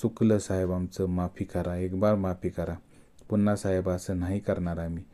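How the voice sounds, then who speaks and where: A man's voice: deep voice, little pitch movement, moderate pace, mellow, natural voice. A man doing a frightened woman begging.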